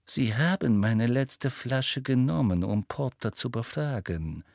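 A cold, sneering male teacher, voiced by a male reader, speaks in a smooth and sardonic drawl. Each word sounds indifferent and unhurried. The recording is close and dry. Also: medium pitch, expressive, no room sound.

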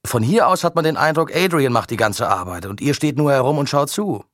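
A man voicing a pushy, impatient young male photographer who calls out loudly across the ice in a dry, husky voice. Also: medium pitch, sing-song, moderate pace, no echo. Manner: loud, calling out across the ice.

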